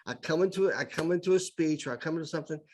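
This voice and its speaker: Rapid-fire and a little high, with a darkish tone, a middle-aged man spins enthusiastic, casual stories as an improv speaker guesting on a podcast. He tends to repeat words while building his argument, and there's slight background noise.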